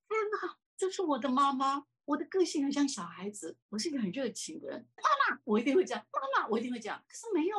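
A woman giving a personal faith testimony as an interview guest, swinging from excited high exclamations to hushed speech. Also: slightly rough.

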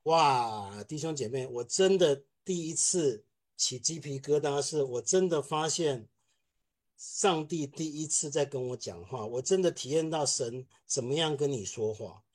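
A man, a film director giving a lively testimony to a church congregation and acting out the people in his story. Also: fairly high pitch, measured pace. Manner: animated storytelling, acts out quotes.

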